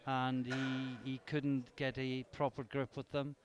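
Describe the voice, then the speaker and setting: A man's voice: medium pitch, flat delivery, measured pace, slight background noise. A man commentating live on a competition, chatty and explaining the results.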